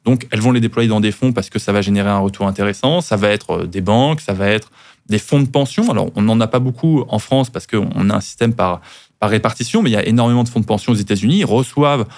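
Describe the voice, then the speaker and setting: A man's voice: lowish voice, fast, darkish tone. A man who is a lawyer, guest on a podcast, explaining things at length with frequent restarts.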